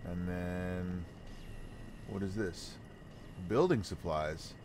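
Male streamer, lowish voice, reads game text aloud, stumbling a bit, faint background noise. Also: drawn-out words. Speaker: livestreamer. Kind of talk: casual game livestream, reading in-game text aloud.

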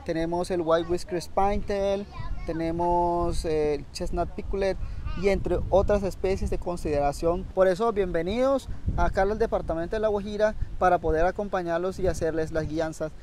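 Guy talking fast outdoors, bird guide intro, slightly high voice, faint noise behind. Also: fairly even intonation, darkish tone. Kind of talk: on-camera introduction. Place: outdoors under a thatched shelter.

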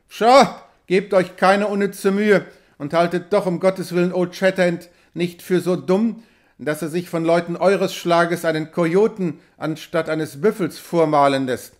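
Ein Mann spricht einen kühlen, strengen Westmann. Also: male voice, high voice, lightly acted. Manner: cool, stern, curt. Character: cold, sharp-eyed frontier hero, man.

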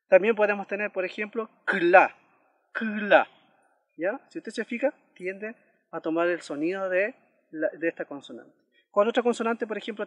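A man with a high-pitched voice teaches a language lesson at an unhurried pace. He says each example word slowly and repeats it, pausing to check that listeners follow. Small hesitations dot his explanations. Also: big-room sound. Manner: frequent "eh" hesitations.

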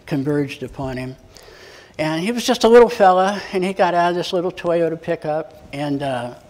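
A middle-aged American man preaching, telling a personal story in a folksy way, acting out the dialogue and chuckling as he goes. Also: fairly high pitch. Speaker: pastor. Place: church sanctuary. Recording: long reverb of a church hall.

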